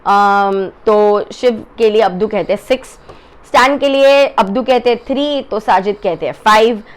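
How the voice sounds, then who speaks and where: A woman's voice: medium pitch, moderate pace. A young woman giving a chatty, casual recap of a reality show and dropping in English phrases now and then. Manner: chatty, mixes in English phrases, frequent "uh" fillers.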